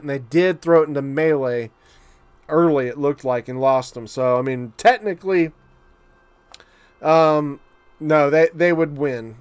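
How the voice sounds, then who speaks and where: Here a man with a fairly high pitch and a clean tone narrates a strategy game fight for his channel. He's excitable and disbelieving, frequently stammering and saying things twice.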